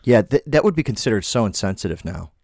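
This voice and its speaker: A man's voice: fairly low pitch, lively intonation, fast, vocal fry, a little mellow, no room sound, clean studio sound. A man chatting casually on a podcast, rambling and laughing easily. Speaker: podcast host.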